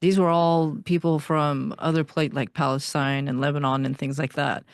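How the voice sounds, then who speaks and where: A woman from Iran, a guest on an interview podcast, telling her life story in an earnest, steady way. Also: deep voice, moderate pace, no echo, clean studio sound.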